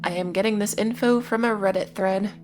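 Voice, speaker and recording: The narrator is a woman recapping in a scripted video essay with music underneath, casual in style and sprinkling in wry asides. Her medium pitch has fairly even intonation with little rise and fall, and she moves briskly.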